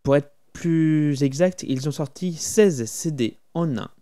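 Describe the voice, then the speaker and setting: A man's voice: fairly high pitch, slow, warm tone. A man co-hosting a casual podcast about film music, talking with enthusiasm and humming tunes now and then. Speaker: podcast co-host.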